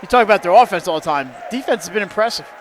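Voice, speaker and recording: A man calling live high school basketball play-by-play, quick and jokey, his voice jumping up on big plays. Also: expressive, a faint crowd, slight background noise. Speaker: play-by-play announcer.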